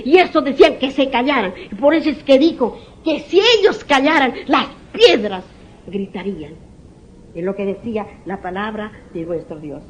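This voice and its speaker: A woman pastor preaching a sermon, reading Bible verses slowly and with emphasis, repeating verse numbers and often addressing her listeners as brothers. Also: fairly high pitch, lo-fi sound. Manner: reads scripture slowly and with emphasis.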